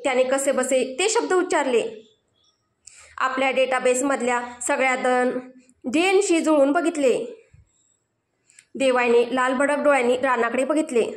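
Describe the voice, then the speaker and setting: A woman narrating a dramatic serialized story in an intense, emphatic manner. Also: high voice. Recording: roomy echo.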